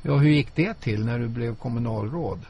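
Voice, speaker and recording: A man's voice: medium pitch, warm tone, husky, lo-fi sound. A man hosting a radio interview and prompting his guest with short questions. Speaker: radio host.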